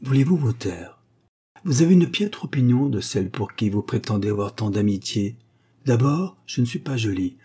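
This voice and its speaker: A man voicing a cheerful, modest young seamstress who teases gently. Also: mid-range voice, expressive, normal speed, breathy edge. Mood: cheerful, scolding.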